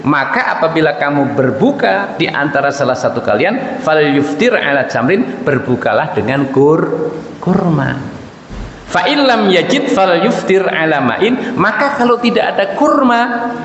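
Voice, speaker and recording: Preaching informally to a congregation, a man with a fairly high, sing-song and slightly bright voice keeps a measured pace, joking conversationally and putting questions to his listeners. He recites short Arabic quotations. The hall sound is muffled, noisy and echoey.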